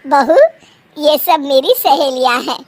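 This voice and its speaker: A woman voicing a middle-aged mother-in-law who is kind but quickly annoyed and scolds often, for a cartoon story. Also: sits high, voice pushed down. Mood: scolding. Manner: scolding, exclamatory.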